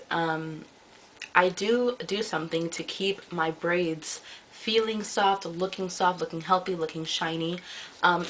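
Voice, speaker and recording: A woman's voice: lowish voice, a bit bright, poor audio. A young woman from the United States giving a casual, rambling hair review on her vlog, full of ums and self-corrections. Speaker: beauty vlogger. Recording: faint background noise.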